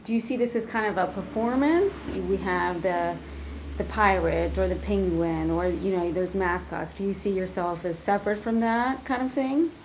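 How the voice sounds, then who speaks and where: A woman's voice: mid-range voice, normal speed, a little mellow, a little hiss or hum, low-quality recording. A woman interviewing someone, asking rambling questions she often restarts.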